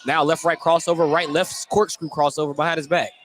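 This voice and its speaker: A play-by-play radio sports announcer with a fairly high male voice calls a live basketball game a little fast, using short, clipped phrases and getting excited on big plays. The noisy ambience of an indoor gym is clearly audible behind him.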